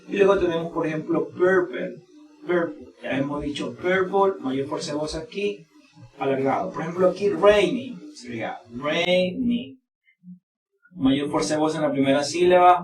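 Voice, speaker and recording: Man teaching English word stress. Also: on the high side. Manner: slow and repetitive, many fillers. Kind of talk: explaining word stress from a board. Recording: echoey room, distant mic, crowd noise.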